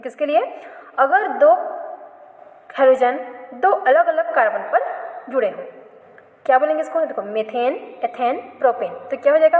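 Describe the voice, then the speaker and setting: A woman's voice: sits high, darkish tone. A woman chemistry teacher giving a classroom lecture, asking questions and answering them herself, often repeating and correcting herself. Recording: echoey room, long reverb.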